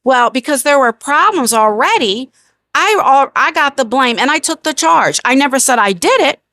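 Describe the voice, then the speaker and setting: A woman's voice: high voice, lively intonation, moderate pace, pushed and bright, no room sound, studio quality. An American woman telling a personal story as a casual storytime vlogger, chatty and emphatic, repeating phrases and checking in with the listener.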